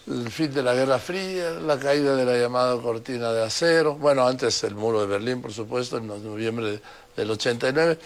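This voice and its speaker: An older man, hosting an interview in a chatty way, prompting his guest with questions. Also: mid-range voice. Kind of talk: casual interview.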